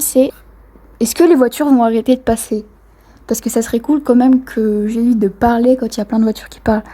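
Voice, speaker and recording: A woman's voice: on the high side, mellow, breathy edge. A young woman in her teens chatting casually outdoors as a vlogger, answering viewer questions in a rambling, hesitant way with lots of fillers. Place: outdoors by a wood near a road.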